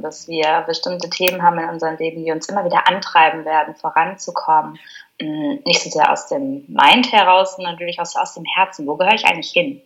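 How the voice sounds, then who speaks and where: A woman from Germany, a spiritual mentor, calmly and earnestly telling her story as a podcast guest over a remote call. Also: deep voice, muffled recording. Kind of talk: podcast interview.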